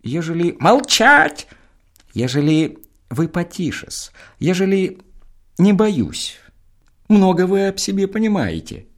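A man's voice: medium pitch, wildly swooping pitch, unhurried, gravelly, husky, exaggerated voice. A man voicing a sulky young man who answers back with grudging, servile defiance. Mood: defiant. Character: sullen, defiant young man, resigned martyr.

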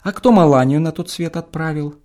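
A man's voice: fairly high pitch, a little fast, a little mellow, voice pushed up, lightly acted. A man voicing a slightly drunk, scornful country medic who mocks and accuses. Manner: mocking, accusing.

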